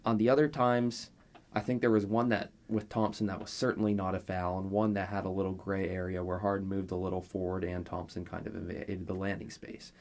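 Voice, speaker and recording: A man talking as a guest basketball analyst, measured and detailed. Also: low-pitched, flat delivery, darkish tone. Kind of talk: sports analysis chat.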